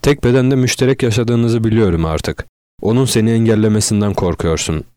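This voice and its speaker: A man voicing a frightened young woman held captive, speaking in halting, pleading words. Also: on the low side, dark tone, dry recording, clean studio sound, close to an everyday voice.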